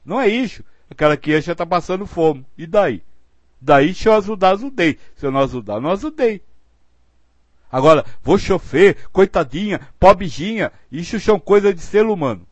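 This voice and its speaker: A man with a high, light voice explains spiritual teachings in an earnest, patient way. The sound is close and dry, with no room around it. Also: very animated, a little fast, no room sound. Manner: earnest, explanatory, acts out example phrasings.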